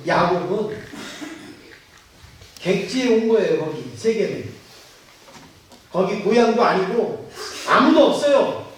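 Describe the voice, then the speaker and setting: High-voiced male pastor in an echoey hall. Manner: rhetorical questions to the congregation. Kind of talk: sermon. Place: church sanctuary. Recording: echoey church hall, mic at a distance.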